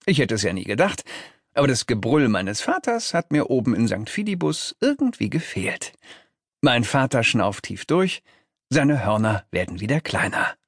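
A man narrating a children's fantasy audiobook in an expressive, lively reading. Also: mid-range voice, moderate pace, no room sound, studio quality.

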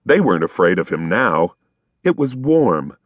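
Slow, husky male storybook narrator. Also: low-pitched, no room sound. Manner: playful, expressive read-aloud. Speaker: audiobook narrator.

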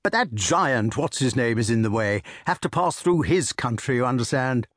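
A man's voice: medium pitch, animated, moderate pace, fairly bright tone, dry recording, studio quality. A man voicing a hearty, blustering old country knight who talks in bluff, clipped phrases.

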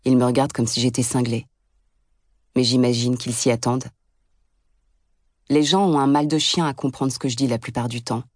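A woman's voice: extremely low pitch, steady tone, moderate pace, long pauses, darkish tone, no room sound, studio quality. A woman reading an audiobook as a blunt, sardonic first-person narrator.

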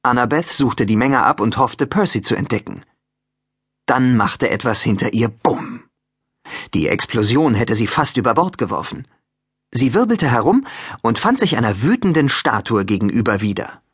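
Husky, expressive male audiobook narrator. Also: medium pitch, moderate pace, dry recording, clean studio sound. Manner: expressive, even storytelling. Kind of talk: scripted narration.

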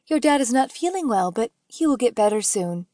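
Woman reading as a soft warm mom in a storybook, a bit higher than her narration, no room echo. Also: expressive, a little fast, clean studio sound, natural voice. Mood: soothing. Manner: tender but sharp when scolding. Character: caring, firm young mother.

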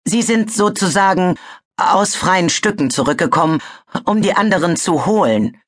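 A woman's voice: lowish voice, expressive, moderate pace, voice pushed up. A woman voicing a nervous, stammering male dragon in a storybook reading. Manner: stammering, hesitant.

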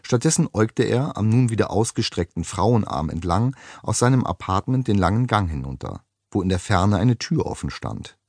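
A man reading an audiobook in a wry, expressive storytelling manner. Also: fairly low pitch, normal speed, hardly any pauses, slightly rough, dry recording, clean studio sound. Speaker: audiobook narrator. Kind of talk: scripted narration.

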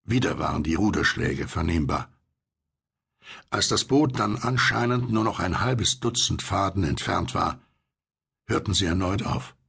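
A man reading a horror story as an audiobook narrator, in a measured, suspenseful storytelling manner. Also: sits low, expressive, vocal fry, a bit bright, husky.

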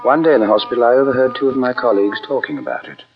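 In a dull vintage radio recording, a male actor narrates and leads an old radio drama in the first person as a troubled, brilliant psychiatrist who fears for his own sanity. His medium-pitched delivery is earnest, formal, and hesitant yet very animated and rapid-fire, with a brooding mood and faint music behind him.

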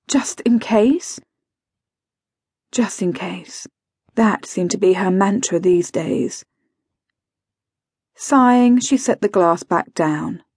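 A woman narrating an audiobook thriller in a measured, wry manner. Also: medium pitch, darkish tone, no echo, studio quality.

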